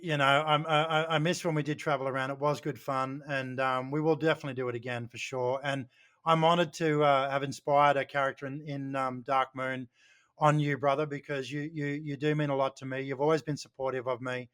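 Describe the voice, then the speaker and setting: A man's voice: mid-range voice, level tone, fairly quick, fairly bright tone, smooth. A man hosting a podcast, effusive and matey, stumbling over his words. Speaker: podcast host. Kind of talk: casual podcast chat.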